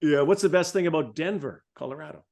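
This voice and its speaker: A man's voice: fairly high pitch, quick pace, darkish tone. Jokey male podcast host. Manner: jokey, playful questioner. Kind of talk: casual interview chat.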